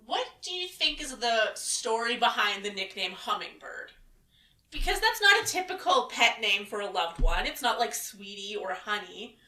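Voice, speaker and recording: A woman's voice: fairly high pitch, big pitch swings, moderate pace, bright, forceful tone. Woman co-host, roomy and distant. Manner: wry, questioning, many "like" fillers. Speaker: podcast co-host. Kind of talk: casual film-review chat.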